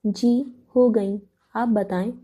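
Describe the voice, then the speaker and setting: A curious, teasing young man, voiced by a woman reading an audiobook keeps prodding his friend with questions. The voice is dark and mellow, a touch high. It is part of a romance novel read aloud. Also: steady tone, natural voice.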